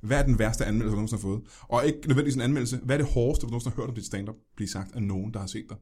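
Deadpan male podcast host. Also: mid-range voice, husky. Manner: deadpan, mock-serious questions. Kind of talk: casual podcast interview.

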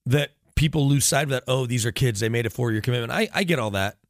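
A man with a medium-pitched voice talks fast as a guest on a casual sports radio interview. He explains things at length, wandering into tangents and correcting himself along the way. The recording is dry and studio quality.

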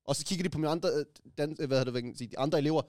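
A young man co-hosting a casual podcast, talking in a lively, slangy way and often acting out what others said. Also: a little high, no room sound, studio quality.

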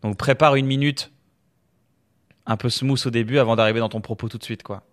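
A man from France with a French accent, a comedian guest chatting in a relaxed way and laughing easily. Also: mid-range voice, fairly quick. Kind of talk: casual conversation.

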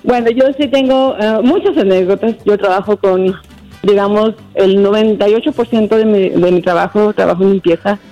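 A woman's voice: medium pitch, moderate pace, mellow, lo-fi sound. Female caller, telling anecdotes, faint music behind. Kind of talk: call-in radio chat.

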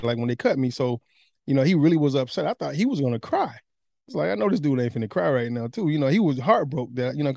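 A man telling a candid personal story in casual, animated conversation. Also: mid-range voice, no room sound, clean studio sound. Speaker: guest.

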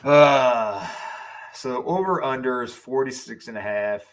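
A man's voice: medium pitch, a little slow, rough recording. A man with a Chicago accent co-hosting a casual sports podcast, rambling with restarts and fillers. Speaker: podcast co-host.

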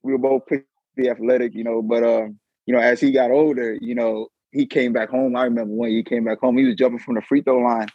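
Male co-host, relaxed talker, husky, lo-fi dry recording. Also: mid-range voice, fairly quick, no echo. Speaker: podcast co-host. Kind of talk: casual podcast chat.

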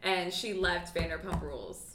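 A woman co-hosting a podcast, chatting casually and throwing out quick, confident answers. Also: on the low side, fairly bright tone, roomy sound, slight background noise. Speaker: podcast co-host. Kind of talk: casual chat.

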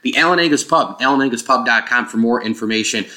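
Male ad narrator, bright crisp delivery, scripted promotional read. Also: mid-range voice, fast talker. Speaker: advertisement narrator.

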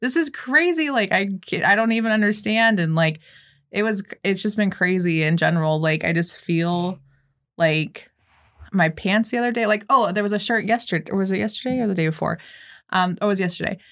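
A woman's voice: fairly low pitch, brisk, fairly bright tone. A woman chatting as a guest in a podcast studio, swearing freely and laughing often. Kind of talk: casual podcast chat.

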